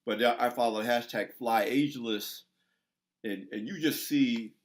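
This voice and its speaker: Speaking at a medium pitch and a little slowly, a sixty-something man hosts a conversational interview. He urges his listeners on in a forceful, preacher-like way.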